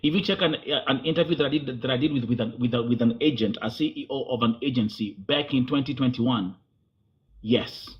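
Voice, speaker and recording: A man's voice: medium pitch, fairly quick, muffled recording. A man with a Kenyan accent interviewing a guest before a crowd, pressing hard and repeating himself when he wants the floor. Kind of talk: interview before a live audience.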